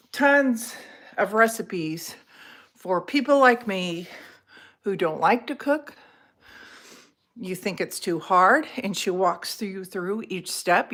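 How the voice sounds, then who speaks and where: Woman host, slow and chatty, self-mocking asides; live cooking vlog, recorded off-mic in a roomy kitchen. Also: mid-range voice, lively intonation, fairly bright tone. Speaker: home cook vlogger. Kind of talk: casual live cooking chat. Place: home kitchen. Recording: roomy, distant kitchen sound with faint noise.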